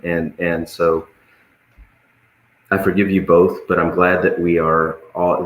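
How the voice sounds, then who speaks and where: A man hosting a casual live panel, joking and somewhat halting as he goes, in a roomy, echoing recording. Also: low-pitched. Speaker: host.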